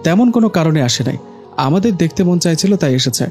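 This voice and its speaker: A man's voice: on the high side, animated, brisk, darkish tone, soft background music. A man voicing a cheeky younger sister who teases her brother, in a storybook reading. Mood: teasing. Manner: cheeky, teasing.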